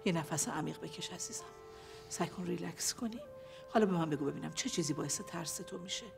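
A woman's voice: medium pitch, animated, music in the background, close to an everyday voice. An actress playing a middle-aged female psychologist who talks to her patient in a soothing, coaxing way. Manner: soothing, coaxing therapist talk. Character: middle-aged female therapist, sweet-talking but scheming. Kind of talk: film acting.

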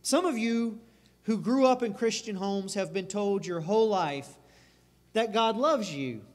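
A man preaching a sermon as pastor, earnest and emphatic, circling back over phrases. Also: sits high. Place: church sanctuary. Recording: reverberant church sanctuary.

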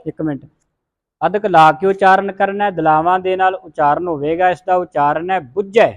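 A man's voice: high voice, fairly even intonation, normal speed, highs cut off, slight background noise. A man with a Punjabi accent teaching a class how to pronounce scripture words, sounding out letters and having the group repeat them. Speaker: Gurbani pronunciation teacher. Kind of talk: classroom recitation lesson.

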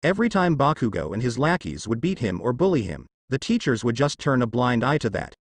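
A man narrates a scripted fan story with dramatic storytelling. His voice sits in a middle pitch but swings widely in tone. The recording is dry and close, with no room sound. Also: big pitch swings, a little fast, no echo.

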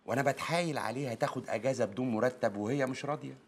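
An actor playing a complaining traditional husband, with an Egyptian Arabic accent. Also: male voice, medium pitch, racing, lightly acted. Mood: grumbling.

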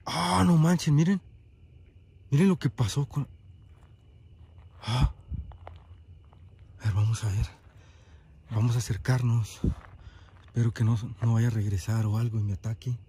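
A man's voice: medium pitch, a little slow, pauses often, dark tone, slight background noise. A man filming outdoors as a paranormal investigator, nervously repeating short exclamations. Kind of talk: on-location paranormal vlog.

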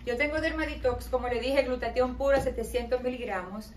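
A middle-aged Dominican woman with a somewhat high voice presents her skincare line in a measured promotional tone. She is heard from a distance in a small room with a noticeable echo. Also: a little hiss or hum. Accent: Dominican Spanish. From Dominican Republic. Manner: explanatory, promotional, steady with some hesitation fillers. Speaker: skincare company owner, interview guest. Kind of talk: product presentation in an interview. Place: small decorated showroom with balloons, indoors. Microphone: camera at a distance.

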